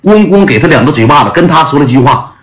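A man's voice: on the high side, expressive, quick pace. A man telling a story to his listeners in a blunt, slangy way, laughing as he goes. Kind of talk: casual storytelling to an audience. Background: music.

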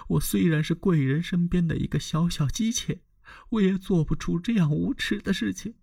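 A male storyteller voicing a frightened, clever young concubine in a high, pleading, tearful voice. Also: normal speed, vocal fry, warm tone, slightly rough, no room sound, studio quality, exaggerated voice.

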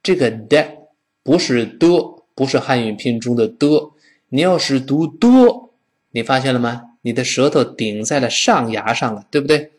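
A man teaching English pronunciation with a Mandarin Chinese accent, modelling sounds in a lively, demonstrative way. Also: medium pitch, moderate pace. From China. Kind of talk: recorded language lesson.

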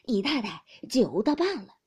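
A woman voicing a fussy, grumbling old female wet nurse who complains loudly and sounds aggrieved, in a storybook reading. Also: a little high, very animated, normal speed, husky, full character voice.

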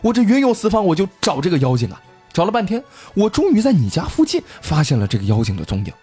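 A man's voice: high-pitched, quick pace, breathy edge, soft background music. A man hosting a podcast, telling a ghost story in a casual, joking way with his co-hosts. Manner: lively, playful, joking with co-hosts.

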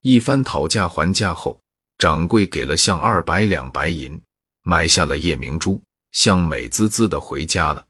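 A man narrates a folk tale in a steady, even way. His voice is low and husky. The sound is dry and close. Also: moderate pace, dry recording. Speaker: storyteller.

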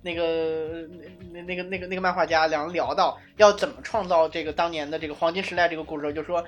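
A woman's voice: sits low, steady tone, quick pace, dull audio, soft background music. A woman co-hosting a casual podcast, talking things through in a fluent, analytical way with frequent restarts. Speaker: podcast co-host.

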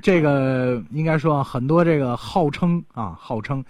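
A man's voice: medium pitch, a little slow, no room sound, clean studio sound. A man hosting a casual radio interview, telling things in a chatty way with playful exclamations. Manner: animated storytelling with playful local exclamations. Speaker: radio host interviewing guests.

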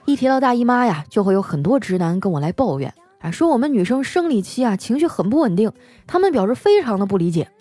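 A woman's voice: a little high, sing-song, fast talker, mellow, no echo. A woman host telling comic family stories in a chatty, teasing way, laughing often. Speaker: radio-style host. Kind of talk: comic storytelling monologue.

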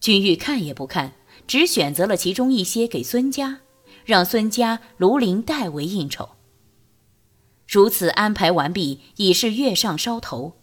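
A woman narrating a novel as an audiobook, reading in a lively, expressive storytelling way. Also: mid-range voice, unhurried.

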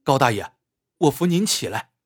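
A man voicing a sincere, gentle young male worker, in a husky voice. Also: medium pitch, very animated, moderate pace, no room sound, clean studio sound.

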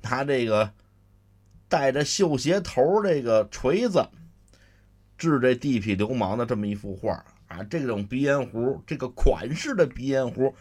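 A man's voice: mid-range voice, expressive, moderate pace, a little mellow. A man with a Beijing accent performing solo comic storytelling, chatty, with explanatory asides to listeners. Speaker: solo crosstalk comedian.

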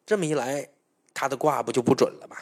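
A man's voice: medium pitch, quick pace, slightly rough, natural voice. A man doing a sly fish strategist. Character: scheming male fish strategist.

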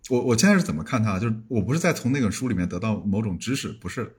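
A man's voice: lowish voice, big pitch swings, rapid-fire, husky. A man around forty, a podcast guest, talking casually and reflectively with frequent restarts. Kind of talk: casual conversation.

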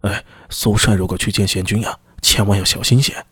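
A nervous male clerk, put on by a male audiobook reader speaks in a hushed, hesitant voice. The tone is low and husky. It sounds dry and near the mic. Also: steady tone, brisk, dry recording. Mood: hushed warning.

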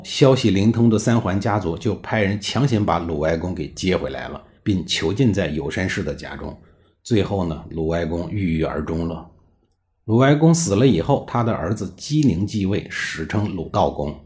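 A man narrating history as a chatty storyteller who drops in colloquial drawn-out particles. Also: deep voice, darkish tone.

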